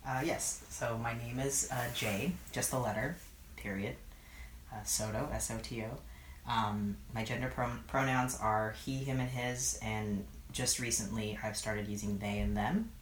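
A man's voice: mid-range voice, steady tone. Hesitant thirties man in a roomy room. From East Bay, California. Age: 30s. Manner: hesitant, thoughtful, many filler pauses. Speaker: oral history interviewee. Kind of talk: reflective interview answers. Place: his apartment. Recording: roomy apartment recording, faint noise.

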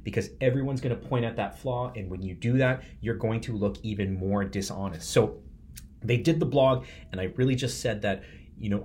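A man's voice: lowish voice, a little hiss or hum. A man in his forties hosting a podcast, delivering an earnest, emphatic motivational monologue. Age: 40s. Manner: earnest and emphatic, speaks from the heart. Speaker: podcast host.

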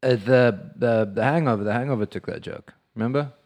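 A man's voice: mid-range voice, a little fast, a little mellow. Rambling, swearing male podcast co-host. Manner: rambling, restarts often, swears freely. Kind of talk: casual chat over beers.

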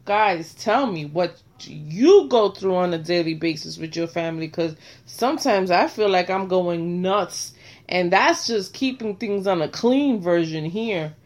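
Blunt, animated woman in casual chat. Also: measured pace. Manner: blunt and animated, swings from low and quiet to loud exclamations. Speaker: host.

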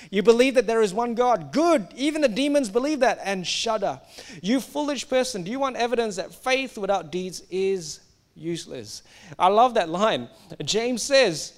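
A young man from Singapore preaching a sermon, animated and emphatic, sometimes stumbling over his words and restarting. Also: sits high.

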